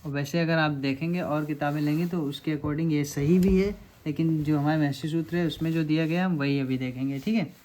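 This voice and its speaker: A man's voice: a little high, fairly even intonation, a little fast, few pauses, a little mellow. A man teaching a lecture, working through quiz questions step by step and often checking that students follow. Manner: explanatory, repeats checks like "samajh rahe hain aap".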